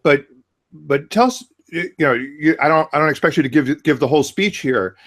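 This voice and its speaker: A man's voice: a little high, fairly quick, fairly bright tone. A man hosting a webinar interview over a video call, asking questions in a hesitant way with repeated words. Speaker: webinar host.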